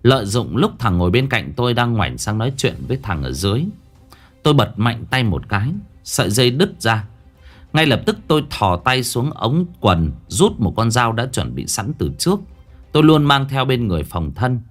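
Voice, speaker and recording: A man narrating a first-person story in a gruff, dramatic way. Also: mid-range voice, big pitch swings, moderate pace, faint music behind. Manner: gruff and dramatic, acting out his own shouted lines.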